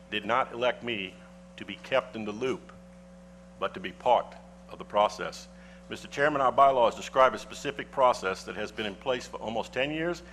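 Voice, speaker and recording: Formal council member reading a statement. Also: male voice, medium pitch, a bit bright, slight background noise. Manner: formal, deliberate, reading legal citations. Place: council chamber.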